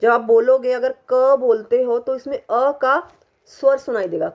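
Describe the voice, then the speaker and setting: Woman, teacher, young-children lesson, high voice, very slow, drawn-out syllables. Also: lo-fi sound.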